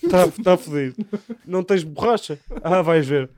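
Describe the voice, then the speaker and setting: Rowdy high-pitched Portuguese man. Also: expressive, moderate pace, darkish tone, slight background noise. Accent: European Portuguese. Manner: rowdy, swearing, accusing. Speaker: podcast co-host. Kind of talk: casual chat among friends.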